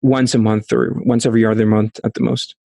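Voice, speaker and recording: A man in his thirties from Costa Rica with a Costa Rican accent, answering interview questions over a video call, speaking haltingly with many restarts. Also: mid-range voice, level tone, creaky, warm tone, no room sound. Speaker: startup founder. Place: small room at home, indoors. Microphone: studio mic with headphones.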